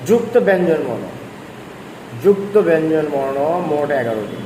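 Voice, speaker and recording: A slightly high, sing-song male voice at normal speed delivers an online language lesson. He explains patiently, goes over points again and again, and coaxes his students to practice, in an echoey room with faint noise.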